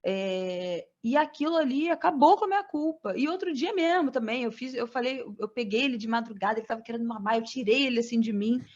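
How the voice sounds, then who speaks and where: A woman's voice: fairly high pitch, animated, a little fast, few pauses, lo-fi sound. A woman guest on a casual podcast, talking emphatically and repeating words for stress.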